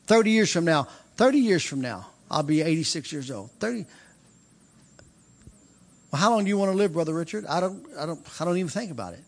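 A man in his mid-fifties preaches to his congregation, his voice sitting notably high for a man. He hammers his points with repetition, circling back on phrases and restarting sentences as he goes. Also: expressive, brisk. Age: 50s. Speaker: pastor. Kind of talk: sermon.

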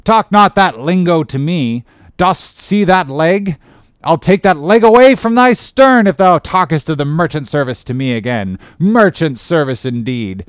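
A man voicing a gruff, suspicious old male sea captain who blusters loudly in old-fashioned speech. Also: expressive, a little slow, dry recording, clean studio sound. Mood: blustering. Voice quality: loud, booming, archaic speech.

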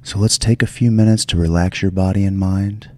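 A man hosting a guided relaxation meditation in a soft, soothing, gentle delivery. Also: deep voice, steady tone, fairly quick. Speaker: show host.

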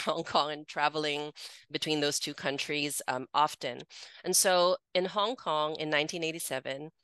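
A Filipina woman in her forties, appearing as a podcast guest, tells her life story candidly and chattily, laughing easily and saying "like" a lot. Her voice is deep and smooth with a sharp tone, recorded without echo.

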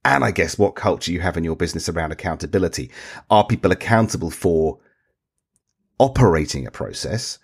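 Deep-voiced man, measured and analytical. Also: darkish tone. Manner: measured and analytical, poses questions. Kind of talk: casual panel chat.

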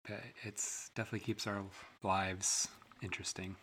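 A young father talks casually and modestly on a podcast, unhurried and relaxed. His voice sits a bit low, with a faint hum of room noise behind it. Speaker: guest, new father. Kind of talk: casual chat.

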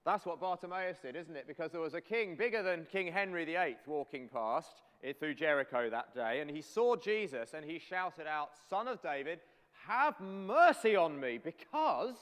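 Brief: male preacher, animated storytelling sermon, long church reverb. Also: a little high. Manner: animated storytelling, addresses listeners directly.

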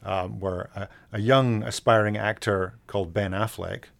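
A Scottish man talking loosely in a casual podcast chat, wandering through his thoughts with plenty of ums and false starts. His voice sits low and has a gravelly, creaky edge. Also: steady tone, normal speed. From Scotland. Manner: rambling, hesitant, many fillers and restarts. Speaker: comic artist and podcast co-host.

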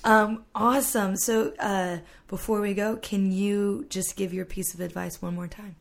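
A woman's voice: medium pitch, steady tone, a little slow, vocal fry. A woman in her thirties hosting a podcast, chatty and laughing often. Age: 30s. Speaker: podcast host. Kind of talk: casual interview chat.

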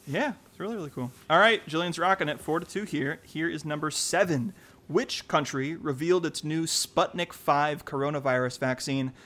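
Male trivia host, slightly high voice, chatty and upbeat, slow deliberate question reads. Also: fairly bright tone. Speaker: quiz host. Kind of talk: casual quiz hosting.

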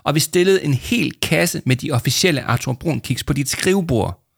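A man's voice: a little high, lively intonation, gravelly, husky, dry recording, clean studio sound, voice pushed up, full character voice. A man voicing a hesitant, polite schoolgirl in a storybook reading. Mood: earnest. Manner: hesitant, quick. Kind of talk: storybook character voice.

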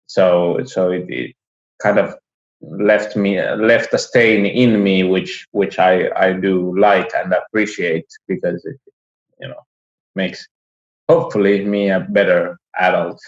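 A man from Finland, a podcast guest, chatting casually with many halting restarts over a remote call. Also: deep voice, fairly even intonation, echoey room, highs cut off. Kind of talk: casual interview chat.

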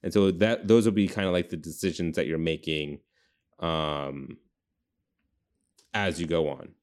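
A man's voice: low-pitched, fairly even intonation, measured pace, a little mellow. A young man chatting casually on a podcast, rambling through ideas with lots of "like". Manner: rambling, heavy use of "like". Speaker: podcast co-host. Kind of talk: casual brainstorming chat.

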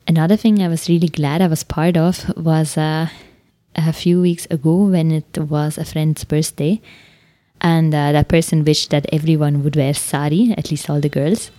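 This woman, a podcast host whose first language is Swiss German, reflects aloud in a low, mellow voice at a moderate pace with little pitch movement. Her musing is searching and thoughtful, full of filler "like"s, with no room sound at all.

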